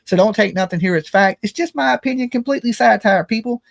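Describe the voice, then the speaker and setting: High-voiced man hosting a folksy livestream. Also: fast talker, vocal fry. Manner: folksy, joking, self-deprecating, slangy. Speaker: host of a live true-crime commentary and call-in show. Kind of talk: casual livestream commentary.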